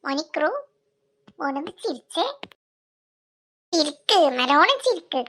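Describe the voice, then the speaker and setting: A woman with a very high voice plays out a comic family skit. She switches quickly between scolding, teasing and calling the children to wake up and eat. Her delivery is plain and close to her own everyday speech. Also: expressive, pushed and bright. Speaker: comedy sketch performer.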